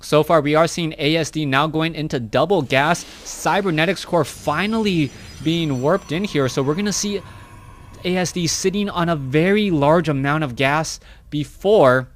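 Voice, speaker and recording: A man casting a strategy game match live, narrating each move as it happens. His voice sits a bit high for a man. He talks in a loose, chatty way, restarting phrases and correcting himself as he goes. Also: normal speed, a little hiss or hum. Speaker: esports caster. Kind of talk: live play-by-play game commentary.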